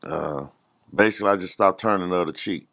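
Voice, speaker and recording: A man with a Dallas accent tells long stories as a podcast guest, slow and laid-back, and acts out the voices of the people he quotes. His voice sits very low and has a gravelly rasp. The sound is dry and close. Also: fairly bright tone, no room sound. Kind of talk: storytelling in a podcast interview.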